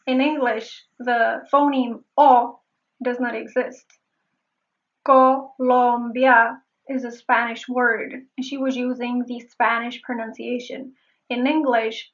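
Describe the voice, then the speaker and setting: A woman accent coach giving a pronunciation lesson. She speaks deliberately and repeats words again and again to show how they sound. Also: fairly high pitch, highs cut off.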